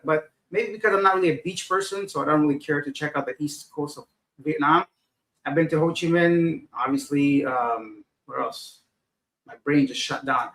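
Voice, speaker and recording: Chatting casually on his livestream, a middle-aged Afghan man answers comments while wandering off track and poking fun at his own weary, scattered state. His slightly raised voice has a fairly bright tone, and the audio is poor.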